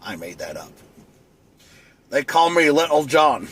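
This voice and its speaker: A man talks on a late-night livestream in a loose, rambling way, joking as he goes. His speech is slow and unhurried. His voice sits a little higher than most men's. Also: big pitch swings, a bit bright, breathy edge.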